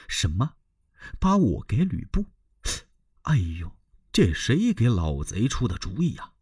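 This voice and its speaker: A male storyteller voicing a frightened, clever young concubine in a high, pleading, tearful voice. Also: huge pitch swings, unhurried, darkish tone, slightly rough, no room sound, studio quality, full character voice. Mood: alarmed.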